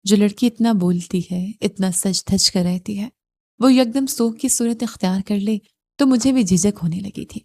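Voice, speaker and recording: A woman's voice: medium pitch, a little mellow, lightly acted. A woman reading a blunt, possessive young husband. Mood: brusque. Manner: blunt, curt demands.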